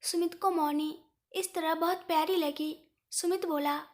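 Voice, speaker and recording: A woman reads a romance story aloud in a steady, even storytelling delivery. Her voice sits very high and light, and the narration is scripted and paced. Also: a little slow.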